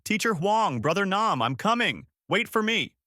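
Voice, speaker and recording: A man voicing a determined village schoolteacher woman who shouts and pleads in a story. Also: medium pitch, huge pitch swings, moderate pace, dry recording, studio quality. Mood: desperate shouting.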